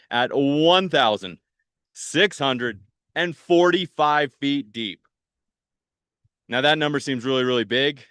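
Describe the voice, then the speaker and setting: An upbeat man presents a live outdoor field trip from a boat, chatting eagerly with his online audience. His voice sounds smooth and resonant. The sound is close and dry. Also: a little high, a bit bright, no echo. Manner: upbeat, enthusiastic, chatty with viewers. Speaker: park program host. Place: on a patrol boat on a lake, outdoors.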